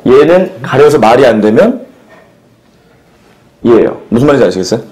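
Brief: patient tutor on a comedy show, mid pitch, animated intonation. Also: male voice, moderate pace, poor audio. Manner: patient, explaining step by step. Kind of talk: explaining in comedy TV banter.

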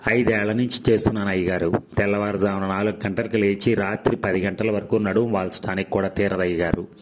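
Man reading as a tired poor widow cook, humble and pleading, slow. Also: lowish voice, steady tone, natural voice. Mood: weary. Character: poor worn-out widowed woman cook, middle-aged.

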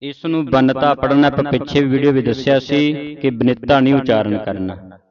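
A man from Punjab slowly teaching scripture pronunciation, saying each word deliberately and chanting the verses in a sung tone. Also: mid-range voice, fairly even intonation, a crowd in the background. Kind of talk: slow recitation lesson with call and response. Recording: muffled audio over a gathered group. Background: group of students in the room.

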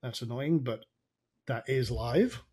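A man gives a casual on-screen tutorial in a raspy, tired voice. He talks informally, muttering his way through each step as an online marketing coach would. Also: medium pitch, takes it slowly, a little mellow. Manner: informal, thinking aloud.

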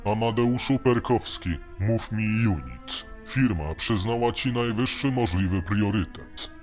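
A man doing a hulking security robot with a rough, metallic robot voice that sits low and sounds set back from the listener. It delivers clipped, formal lines with cold machine duty, like a guard unit in an audio story, with soft music beneath. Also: lively intonation, unhurried. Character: towering male security robot, cold and dutiful. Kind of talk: audiobook narration.

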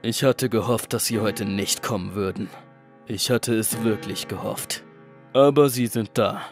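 A man voicing a cold, scheming middleman in a horror audiobook, clipped and commanding with a quiet menace. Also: on the low side, unhurried, music in the background. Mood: smug. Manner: clipped, commanding, coolly threatening. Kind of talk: audiobook drama acting.

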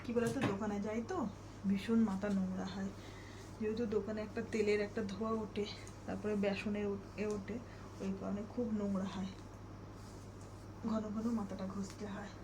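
A woman's voice: medium pitch, flat delivery, normal speed, long pauses. A woman chatting casually to her viewers about her day at home. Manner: rambling homely chat addressed to viewers; speaks softly so a sleeping child won't wake. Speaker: vlogger. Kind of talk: casual chatty daily vlog. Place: home, indoors. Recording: noisy home phone recording.

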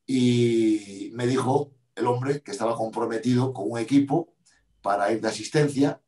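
A man's voice: medium pitch, moderate pace, dark tone. A man, a rally driver, telling a story in an interview, acting out both sides of a quarrel. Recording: roomy sound from a distant mic.

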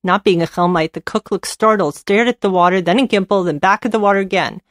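A woman podcast host reading a folk tale aloud, with expressive storytelling. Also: mid-range voice, fast, no room sound, clean studio sound. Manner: expressive storytelling, voices quoted characters.

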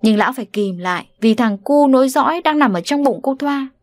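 A woman narrating an audiobook novel in an expressive storytelling manner. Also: high voice, fairly quick, no room sound. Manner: dramatic, animated delivery of voices.

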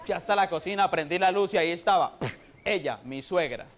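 Rowdy high-voiced Colombian comic. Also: male voice, a little fast, a faint crowd. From Huila, Colombia. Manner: loud, rowdy, acts out quoted voices. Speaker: stand-up comedian. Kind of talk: stand-up routine on TV comedy show.

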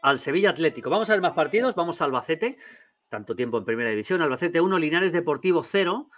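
A middle-aged man with a Castilian Spanish accent hosting football highlights, chatty and addressing viewers as friends. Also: animated, fast talker, a bit bright. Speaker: host of a football channel. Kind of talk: casual highlights commentary to camera. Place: small home studio with foam panels. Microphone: close desk microphone.

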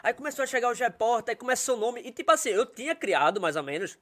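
A man's voice: very high voice, fast talker. A young man from Brazil, telling a long comic story on a podcast. He talks casually and acts out everyone in it, and laughs as he goes. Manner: animated, acts out quoted voices, laughs while telling. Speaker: podcast guest, comedian.

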